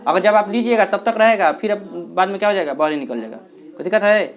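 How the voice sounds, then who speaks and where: A male teacher with a high-sitting voice talks fast through a classroom lecture in Hindi sprinkled with regional dialect words. He poses questions and answers them himself.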